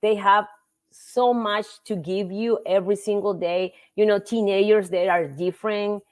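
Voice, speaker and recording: In a casual interview, a middle-aged Costa Rican woman discusses her teaching, her medium-pitched voice keeping a steady tone. A native Spanish speaker with a Costa Rican accent, she sounds warm, searches for words with frequent pauses, and uses many fillers.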